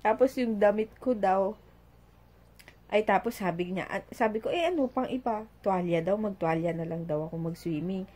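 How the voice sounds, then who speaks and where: A woman's voice: medium pitch, normal speed, mellow. A mother chatting casually in a home vlog, telling a story in a giggly, talkative way while doing chores. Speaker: vlogger and mother.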